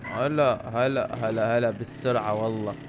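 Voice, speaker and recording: A man in his twenties with a Levantine Arabic accent, doing excitable let's-play commentary for his channel, swinging between loud outbursts and low muttering. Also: normal speed, background noise. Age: 20s. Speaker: gaming YouTuber. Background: loud game music.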